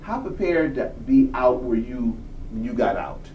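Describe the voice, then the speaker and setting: A man's voice: mid-range voice, big pitch swings, unhurried, a little mellow, far from the mic, a little hiss or hum. Fifties male reverend interviewer, probing, heard off-mic in a roomy space. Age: 50s. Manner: probing, repeats his questions. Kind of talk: conversational interview.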